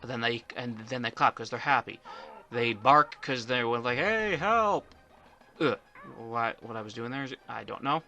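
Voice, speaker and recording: A man's voice: mid-range voice, steady tone, moderate pace, creaky, pushed and bright, faint music behind. A man giving casual let's play commentary, rambling and often stuttering on the first syllables of words.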